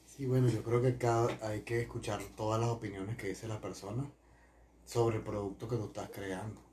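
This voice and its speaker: A man giving his opinions conversationally as a guest, haltingly, repeating words as he reasons. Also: lowish voice, fairly even intonation, mellow, slight background noise. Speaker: family guest.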